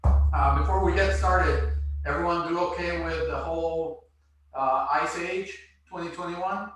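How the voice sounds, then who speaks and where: A man's voice: a little high, a little slow, a bit bright. A male podcast host chatting in a laid-back, self-deprecating way and laughing easily. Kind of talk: casual chat. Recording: very echoey room, far from the mic, faint noise.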